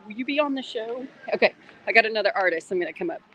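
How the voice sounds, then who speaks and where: A woman's voice: medium pitch, animated, very fast, fairly bright tone. A woman hosting a casual live backstage stream, chatting and interviewing in a gushing, effusive way. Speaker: livestream host, interviewer.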